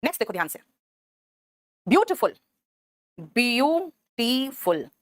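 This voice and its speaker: A woman teaching English grammar to an online class, with a fairly high voice. She explains patiently, addresses students by name and as "beta", and keeps asking "right?" to check they follow. The sound is close and very dry, with no room echo. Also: animated, normal speed, a bit bright.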